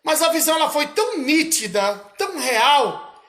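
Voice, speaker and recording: A man from Brazil with a Brazilian Portuguese accent, preaching slowly and emphatically about a vision, repeating his phrases. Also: very high-pitched, big pitch swings, fairly bright tone, reverberant. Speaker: missionary preacher. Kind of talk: sermon recounting a vision.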